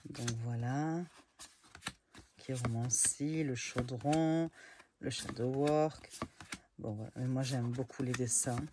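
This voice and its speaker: Low-voiced woman chatting about cards. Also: fairly even intonation, slow pace, long pauses, noisy background. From France. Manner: chatty, hesitant, many fillers and restarts. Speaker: tarot and oracle deck reviewer. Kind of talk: casual review of card decks.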